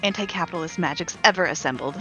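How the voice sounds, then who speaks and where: A woman's voice: on the low side, fast talker, sharp tone, faint music behind, rough recording. A woman voicing an earnest, fuming young spellcaster in a game read-along, declaiming dramatically and defiantly. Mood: grave, determined. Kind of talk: dramatic voice-acted reading of game dialogue.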